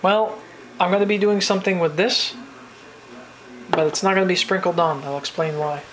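This high-pitched home cook talks at a normal speed, drifting along in a relaxed, rambling style with many fillers and restarts. It's a casual cooking vlog shot on a handheld camera in his New Brunswick, Canada kitchen, and the audio is poor.

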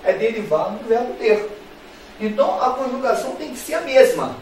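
A man's voice: very high-pitched, lively intonation, brisk, a little mellow, a little hiss or hum. A man with a Brazilian Portuguese accent teaching a grammar lesson, playful and repetitive, speaking straight to his students. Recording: very echoey room, voice far from mic.

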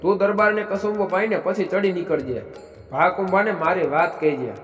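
A man voicing a brave, proud Rajput warrior chieftain in a spoken folk tale, steady and resolute. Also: high voice, a little fast, reverberant, big-room sound, soft background music.

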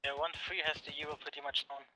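A man's voice: on the high side, level tone, pushed and bright, poor audio. Man calling contacts over a radio. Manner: halting, with many "uh" pauses. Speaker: squad member in a military game. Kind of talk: tactical radio callouts. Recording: gunfire noise in the background. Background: gunfire from the game.

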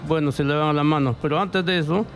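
A middle-aged man tells his story in a radio studio, halting and repeating himself as he acts out what others said. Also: on the high side, fairly even intonation, soft background music. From Peru. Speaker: interviewee reporting bank fraud. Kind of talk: emotional testimony in a radio studio. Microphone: studio mic with headphones.

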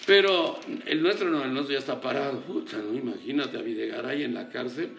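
A man's voice: mid-range voice, a little fast, gravelly, roomy sound. An older man with a Mexican accent giving casual, sarcastic political commentary as a talk show host. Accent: Mexican Spanish. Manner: animated, sarcastic, mocking.

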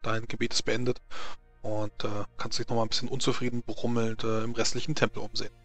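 A man's voice: on the low side, little pitch movement, quick pace, a bit bright. A man acting as game master, narrating and prompting players in a tabletop role-playing game. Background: music.

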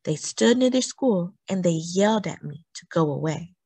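Reading a story aloud for children, a woman uses a slightly low, husky voice. Her intonation is lively and expressive, and she leans deliberately on certain phrases. The recording is dry and close, with hardly any room echo.

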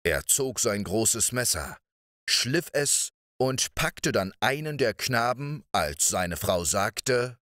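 A man narrating a fairy tale slowly and gently, as if for sleep, with a lively, rising and falling delivery. The recording is close and dry, with no room sound. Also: medium pitch, no echo. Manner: slow and expressive, voicing each character. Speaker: audiobook narrator.

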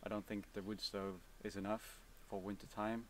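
A young man with a Swedish accent answers viewer questions outdoors in a relaxed, hesitant way, with many fillers and restarts. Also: lowish voice, normal speed, far from the mic, a little hiss or hum. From Sweden. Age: young adult. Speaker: vlogger. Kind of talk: casual Q&A answers. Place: outdoors, seated on a cabin bench by woods.

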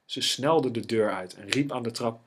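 A man reading a classic novel aloud as an audiobook, in a steady, measured way. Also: medium pitch, slight background noise. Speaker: audiobook reader. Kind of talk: audiobook narration.

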